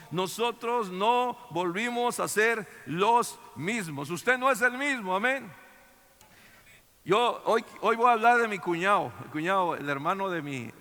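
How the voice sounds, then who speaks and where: A man preaches with a high, bright voice, moving through his sermon in a lively, chatty way full of restarts. His words ring out with a long reverb of a church hall around him. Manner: animated, conversational storytelling with many restarts. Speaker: pastor. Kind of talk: sermon with personal story.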